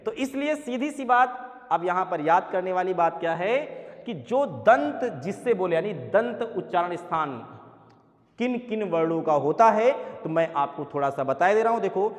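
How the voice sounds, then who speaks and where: High-voiced man teaching sounds, reverberant. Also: lively intonation, normal speed. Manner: repeats sounds aloud as examples, addresses viewers as sir. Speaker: Hindi grammar teacher. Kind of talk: exam-prep lesson.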